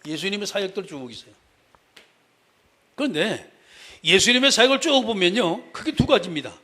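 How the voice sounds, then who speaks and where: A man's voice: high-pitched, very animated, moderate pace, pushed and bright. A male pastor preaching a sermon in a conversational way, speaking straight to the congregation and repeating his key phrases for emphasis.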